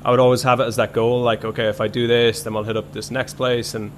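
A man's voice: medium pitch, fast. A man, in his thirties, chats at an easy pace as a podcast guest. His talk rambles loosely and is full of "like" and small restarts. A faint hiss of noise sits under his voice. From Ireland. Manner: relaxed, rambling, many "like" fillers. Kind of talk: casual conversational storytelling.

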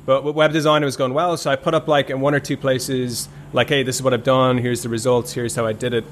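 A fast-talking Irish man in his thirties, mid-range in pitch, chats easily on a podcast as a guest, casually telling stories. Loose and relaxed, he leans heavily on "like" and restarts himself, over a faint background hiss.

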